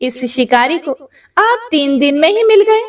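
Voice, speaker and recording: A woman voicing a gentle, devout holy man who speaks with pleading devotion in a told story. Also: high-pitched, big pitch swings, measured pace, far from the mic.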